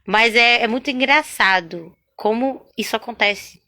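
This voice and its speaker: A woman sharing a spoken religious testimony, chatty and animated, constantly tagging her sentences with little questions to the listener. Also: on the high side, unhurried. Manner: chatty, constant "né?" and "sabe?" tags; animated, swings between loud and hushed.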